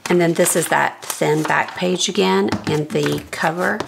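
In her home art studio, a middle-aged woman walks through her sketchbook, flipping pages and thinking aloud in a relaxed way. Her voice is low and scratchy with vocal fry, and she speaks unhurriedly. She stays off-frame beneath an overhead camera as she gives the tour.

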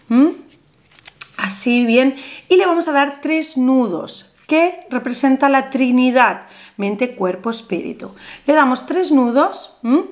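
A woman guiding a spiritual ritual in a soft, soothing voice that often drops to a whisper, chanting numbers slowly and deliberately. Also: high-pitched. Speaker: spiritual guide. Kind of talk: guided ritual instruction.

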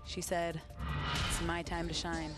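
A woman's voice: on the low side, completely flat delivery, a little slow, over loud music. A woman giving conversational color commentary on a live fight broadcast.

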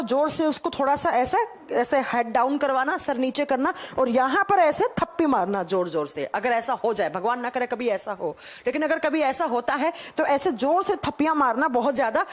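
A woman teaches a class, calling her students children as she walks them through each point. Her voice sits high and swings widely as she poses questions and answers them herself. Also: very animated, moderate pace, few pauses. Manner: explains step by step, asks and answers her own questions. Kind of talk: live online class lecture.

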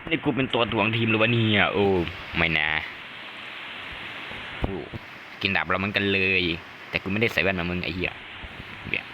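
A young man commentating his game at home, loud, excitable and crude, yelping at every surprise. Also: low voice. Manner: loud, excitable, crude joking with frequent yelps. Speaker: gaming YouTuber. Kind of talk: Thai let's-play commentary. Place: home room during heavy rain. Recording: rain noise clearly audible behind voice.

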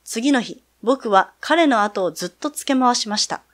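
A woman reading aloud as a male high school student who calmly tells a ghost story from a sound novel. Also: normal speed, natural voice. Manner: calm, storytelling.

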